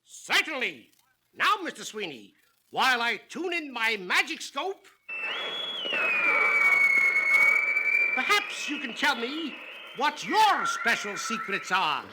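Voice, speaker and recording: An actor playing a grandiose, sly swami fortune-teller in a scripted comic film, speaking in florid, drawn-out magic-orb incantations. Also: male voice, very high voice, big pitch swings, heavy background noise, heavily acted. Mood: genial. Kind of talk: scripted comic monologue in a retail training film.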